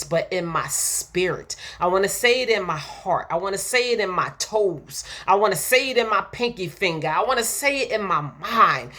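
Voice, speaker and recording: A woman giving an emphatic, repetitive motivational sermon that builds to excited peaks. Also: on the low side. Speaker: preacher.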